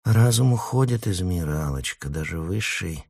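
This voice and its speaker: A man's voice: sits low, lively intonation, normal speed, gravelly, darkish tone, exaggerated voice. A man voicing a nervous, irritable young woman who mutters her lines, in a storybook reading. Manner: muttering, edgy.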